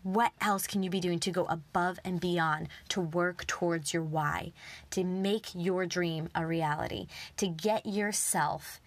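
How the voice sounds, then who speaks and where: A young woman giving an earnest, animated motivational talk, sometimes dropping to a whisper for emphasis. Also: lowish voice, a little slow, no room sound. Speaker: motivational speaker.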